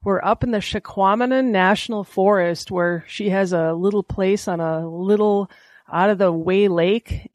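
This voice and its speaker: A woman's voice: mid-range voice, darkish tone, no room sound. A woman hosting a casual outdoor podcast from a small cabin, talking in a chatty, folksy storytelling way. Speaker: podcast host. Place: small lakeside cabin, indoors.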